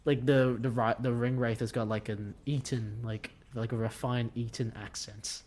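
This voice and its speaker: A man co-hosting a casual book podcast, jokey and halting, with many restarts. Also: medium pitch, flat delivery, darkish tone. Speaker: podcast co-host. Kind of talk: casual book-club chat.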